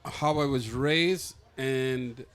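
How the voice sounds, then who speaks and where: A man's voice: medium pitch, drawn-out words, a bit bright, clean tone. A man from Guyana presents his memoir at a book expo, speaking hesitantly and restarting phrases. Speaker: memoir author.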